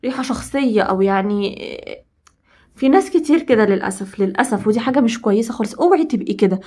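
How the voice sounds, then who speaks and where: Egyptian woman, quick emphatic advice talk, a bit high-pitched. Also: animated, dark tone. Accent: Egyptian Arabic. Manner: emphatic, repeats herself for stress. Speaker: home advice vlogger. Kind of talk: casual advice talk to women.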